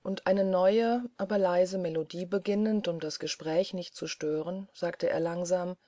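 A woman narrating a classic novel in a calm, steady voice. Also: fairly low pitch, measured pace, no echo, clean studio sound. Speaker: audiobook narrator.

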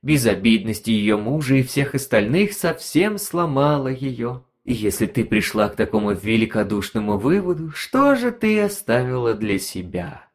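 A man's voice: mid-range voice, big pitch swings, moderate pace, vocal fry, hardly any pauses. A man voicing a sly, insinuating talking device that whispers neighbourhood gossip in a story reading. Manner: insinuating, snickering.

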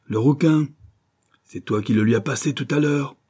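A man voicing a savage seventeen-year-old street brawler who roars his lines hoarsely, higher and louder than his narration. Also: animated, moderate pace, full character voice. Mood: furious.

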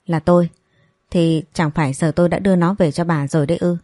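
A woman's voice: lowish voice, fairly even intonation, fairly quick, mellow, dry recording, clean studio sound, faint music behind, close to an everyday voice. A woman voicing an older man who defends himself coldly and brushes off blame, speaking in a dismissive, defensive way. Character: evasive older man, cold and self-justifying.

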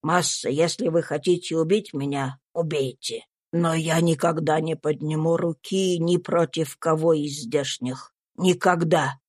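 A meek, devout man, played by a woman reader speaks low and hushed in this storybook. He is respectful and pleading, yet firm. The recording is dry and close. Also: moderate pace, dry recording. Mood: steadfast. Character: meek, devout enslaved man, gentle but unbending.

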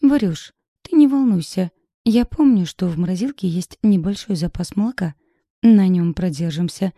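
A woman's voice: fairly low pitch, moderate pace, dark tone, no echo, clean studio sound. A woman voicing a caring young sister-in-law who speaks in a soothing, reassuring way in an audiobook.

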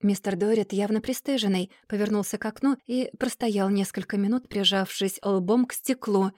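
A woman reading a classic novel aloud in a measured, expressive way. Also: medium pitch, no room sound, studio quality. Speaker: audiobook reader.

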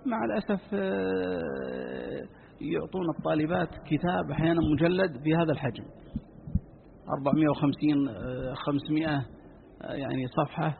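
A man, a sheikh teaching Quran recitation, answers listeners' written questions in a measured way, with many "I mean" fillers. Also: on the high side, sing-song, creaky, crowd noise. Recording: tinny phone-like lecture recording with faint hiss.

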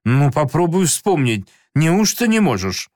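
Man doing pious fussing old aunt, exclaiming, slow and drawn out, dry close sound, audiobook. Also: on the high side, sing-song, a little mellow, no echo. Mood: coaxing. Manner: exclaiming, fretful, slow and emphatic. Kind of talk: audiobook character voice.

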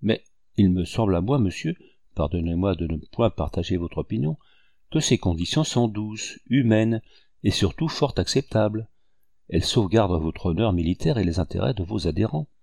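A man voicing a gentle young woman who pleads softly and timidly, in an audiobook. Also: fairly low pitch, expressive, moderate pace, vocal fry, dry recording, clean studio sound. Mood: pleading. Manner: soft, pleading.

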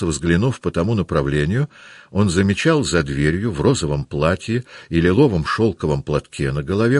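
A man narrating a classic novel as an audiobook, with a measured, steady reading. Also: very deep voice, no echo, studio quality. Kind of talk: scripted narration.

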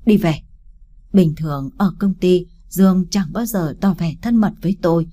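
Husky low-voiced woman narrating a story. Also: moderate pace, warm tone. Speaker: audiobook narrator. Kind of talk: first-person story narration.

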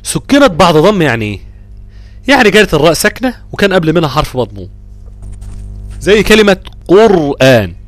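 A man with an Egyptian accent teaching Quran recitation rules, quizzing students and chanting verses slowly. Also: fairly high pitch, dry recording, faint music behind. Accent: Egyptian Arabic. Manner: lively, drawn-out chanting of verse examples. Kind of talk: live tajweed lesson.

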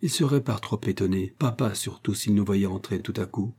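A man reading aloud, voicing a lively young Parisian woman with bright, excited exclamations. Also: lowish voice, normal speed, breathy edge. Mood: eager.

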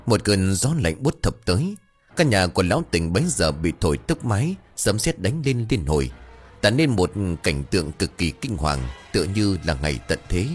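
A man's voice: low voice, husky. A man narrating a ghost story with dramatic, ominous storytelling.

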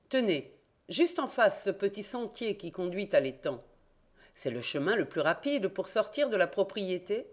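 A woman reading an audiobook, voicing an eager, confident young male reporter-detective in a raised, excited voice. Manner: excited, emphatic, raised and higher voice.

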